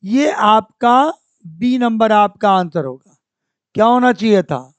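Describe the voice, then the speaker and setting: A man teaching a spelling lesson for exam preparation. He talks slowly and goes over each word several times, correcting it, and he clears his throat often. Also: high-pitched, lively intonation, dry recording. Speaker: Hindi grammar teacher. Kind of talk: exam-prep lesson, working through spelling questions.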